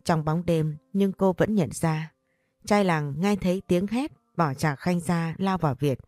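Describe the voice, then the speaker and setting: A woman narrating a story in a steady reading voice. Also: on the low side, measured pace, no echo, clean studio sound. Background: faint music.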